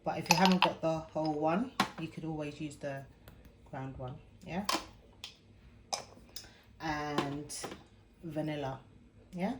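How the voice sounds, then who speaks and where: Speaking slowly with long pauses, this home cook has a low, steady voice and a Jamaican accent. She talks viewers through a recipe in her kitchen, asking "yeah?" after most phrases, over very noisy surroundings.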